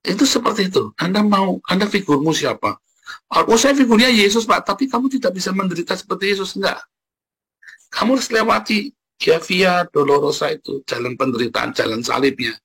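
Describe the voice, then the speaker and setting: Male pastor, sermon delivery, husky voice with a bright, forceful edge, animated and conversational, keeps turning to address the congregation. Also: high voice, brisk. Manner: animated, conversational preaching with frequent asides to the listeners.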